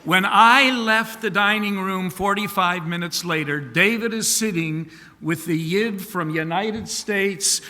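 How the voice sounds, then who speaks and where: Man as rabbi, eulogy full of jokes; high, bright voice, long hall reverb. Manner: animated joke-telling, folksy asides. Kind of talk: eulogy with humorous storytelling. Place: synagogue sanctuary.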